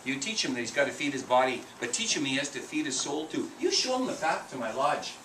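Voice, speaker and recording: Man doing Raven, the gentle creator. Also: medium pitch, sing-song, fast, a little hiss or hum. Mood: gentle, wise. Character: wise male raven creator spirit, gentle. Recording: roomy, distant mic.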